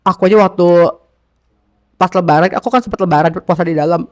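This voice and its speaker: A man's voice: high voice, fast. A man from Jakarta talking as an interview guest, slangy and rambling, repeating his phrases as he talks with feeling. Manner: slangy informal speech. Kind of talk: casual confessional interview talk.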